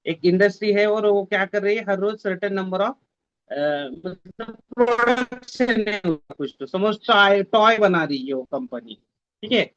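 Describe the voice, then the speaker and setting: A man's voice: high-pitched, animated, a little slow, fairly bright tone, smooth, no room sound, dull audio. A man teaching a math lesson in an online class, mixing Hindi and English and repeating his instructions. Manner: mixes Hindi and English, repeats instructions, scolds students to mute mics. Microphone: video call.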